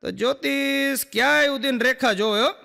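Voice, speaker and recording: Man, stand-up comedian, bright tense voice, punchy joke-telling, asides to the crowd. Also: very high voice, normal speed, vocal fry. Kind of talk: live stand-up storytelling. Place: live stage show. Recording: echoey hall reverb.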